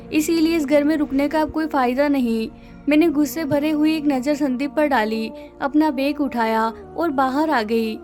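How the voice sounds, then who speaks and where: A woman reading a scripted first-person story in a steady, measured way. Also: high-pitched.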